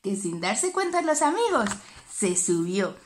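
A preschool teacher, telling a story to small children in an animated, sing-song way. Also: female voice, medium pitch, measured pace, a little hiss or hum.

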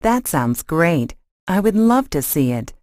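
A woman's voice: lowish voice, sing-song, a little slow, darkish tone, no echo, studio quality. A woman acting an agreeable, interested friend in a scripted language lesson dialogue, with careful short sentences.

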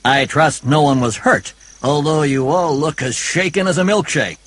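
A man's voice: a little high, moderate pace, a bit bright, husky. A man voicing a cheerful, polite young male pilot in a storybook read-along, chipper and jokey.

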